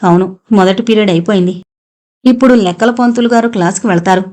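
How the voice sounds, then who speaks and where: A woman narrating a novel as an audiobook in a calm, even storytelling manner. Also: mid-range voice, fast talker.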